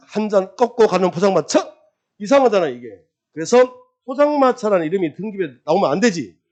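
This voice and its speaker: A middle-aged man lecturing on property registration law, quizzing his class with rapid questions and answering them himself. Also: high-pitched. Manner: lively, quizzing, drills with repeated questions and answers. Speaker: real estate law exam lecturer.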